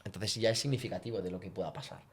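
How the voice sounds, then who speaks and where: A man, a communication coach talking on a podcast, lively, acting out quoted lines. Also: very fast, slightly rough. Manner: animated, acts out quoted speech with big pitch jumps. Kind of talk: podcast conversation, teaching.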